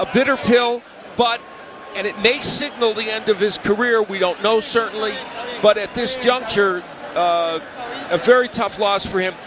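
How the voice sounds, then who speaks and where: A man giving live boxing analysis, explaining the action in a raised voice over the arena. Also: high voice. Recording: clear arena noise behind the voice.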